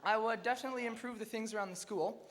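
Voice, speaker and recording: A man's voice: high voice, fast talker. A young man, a pageant contestant, giving a joking answer on stage in a very noisy, echoey hall. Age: teen or young adult.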